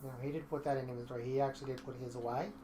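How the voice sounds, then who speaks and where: A man's voice: medium pitch, steady tone, rapid-fire. A man streaming a life-sim game, narrating his own moves and talking to the viewers. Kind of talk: casual gameplay commentary. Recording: computer fan noise in the mic.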